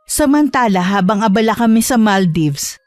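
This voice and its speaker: A woman's voice: mid-range voice, lively intonation, normal speed, dry recording. Dry, close woman narrating a horror tale. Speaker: story narrator. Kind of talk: scripted first-person horror narration.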